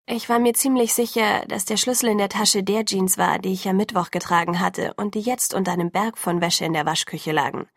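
A woman calmly narrating a first-person audiobook in an even storytelling manner. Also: medium pitch, brisk, hardly any pauses, dry recording, studio quality.

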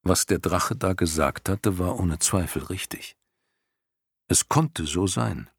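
A man narrating an audiobook in a measured, expressive storytelling manner. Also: low voice, breathy edge, dry recording, clean studio sound. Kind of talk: scripted narration.

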